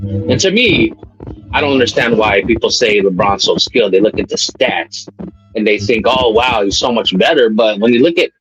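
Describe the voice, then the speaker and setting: Male guest heard through a video call, low register, dull call sound, easygoing and chatty. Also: husky, no echo. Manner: relaxed, loose, filler-heavy. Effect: heard over a video call. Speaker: guest on a live stream. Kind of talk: casual basketball chat. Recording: muffled lo-fi call audio.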